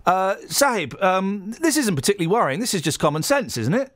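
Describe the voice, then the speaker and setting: Male radio host, lively pitch, stumbling restarts, dry studio mic. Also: brisk, dry recording. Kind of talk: casual radio chat. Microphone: studio microphone.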